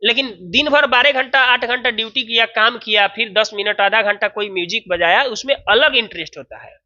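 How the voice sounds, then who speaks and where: Bihari Hindi teacher, chatty, quizzes students, crisp bright tone, muffled recording. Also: male voice, high voice, moderate pace. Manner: chatty, asks students questions. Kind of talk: explaining a story in class.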